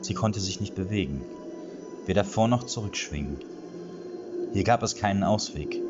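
A man narrating a fairy tale with expressive, dramatic storytelling. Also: low-pitched, normal speed, dull audio, music in the background. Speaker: audiobook narrator.

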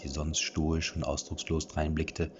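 Deep, expressive male storybook narrator, lively pitch, dull lo-fi recording. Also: measured pace, noisy background. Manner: expressive, acts out dialogue.

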